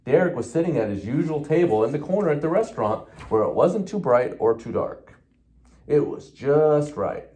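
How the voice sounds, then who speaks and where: A police officer reads a children's storybook aloud at normal speed in a mellow, soft-edged, fairly high voice. His sing-song intonation swings widely and expressively through the tale, and he occasionally stumbles over a word before carrying on.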